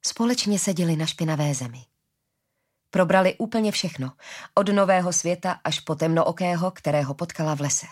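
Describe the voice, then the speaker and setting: Woman narrating a story in a husky voice. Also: fairly low pitch, darkish tone. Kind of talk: audiobook narration.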